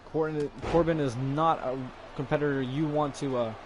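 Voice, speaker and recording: A man giving relaxed play-by-play commentary on a wrestling video game he is playing, with fillers. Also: fairly high pitch, normal speed, background noise. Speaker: gaming video creator. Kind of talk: casual let's-play commentary.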